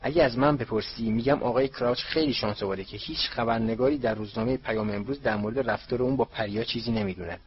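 A man's voice: medium pitch, hardly any pauses, highs cut off, a little hiss or hum, natural voice. A man doing an indignant teenage witch girl. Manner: heated, insistent.

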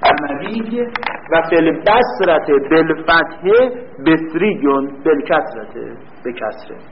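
A man teaching a grammar class, quizzing his students and answering his own questions, reading lines slowly and then explaining them quickly. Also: a little high, noisy background. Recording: dull lo-fi recording.

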